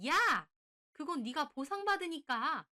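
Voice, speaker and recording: A woman voicing a scheming, grasping middle-aged mother-in-law who turns shrill and scolding. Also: expressive, a little slow, pushed and bright, heavily acted.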